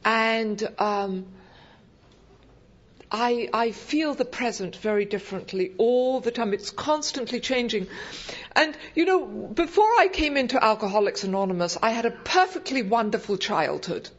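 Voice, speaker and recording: Her voice sits on the high side and moves at a measured pace, with an English accent; she comes from England. Addressing a convention audience in a meeting room as a guest speaker, she delivers a humorous personal talk that is wry, hesitant and self-deprecating, captured in a dull, lo-fi live recording.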